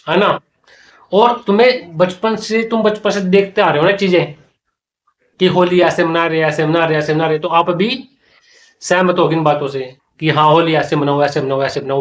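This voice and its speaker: A man giving a preachy, repetitive talk on life and meaning. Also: high-pitched. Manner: preachy, repeats phrases often. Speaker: spiritual talk host. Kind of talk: casual spoken monologue.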